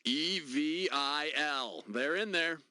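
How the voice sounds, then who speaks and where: A man's voice: fairly high pitch, slow pace, very noisy. A man playing a brash, sarcastic quiz game host who teases the player. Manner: snarky, teasing, showman delivery. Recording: game audio with loud music.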